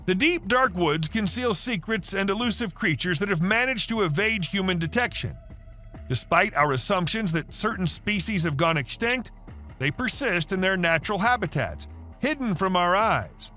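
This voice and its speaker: A man's voice: high-pitched, animated, normal speed, bright, forceful tone, faint music behind. A man reading scripted wildlife video narration in a chatty storytelling way, with asides to the listener.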